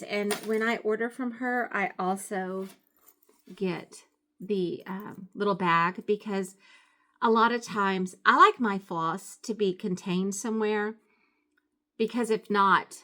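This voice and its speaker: A woman's voice: medium pitch, measured pace, bright, forceful tone. Gushing woman in a casual craft vlog. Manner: gushing, appreciative. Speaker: craft vlogger. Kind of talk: casual show-and-tell vlog.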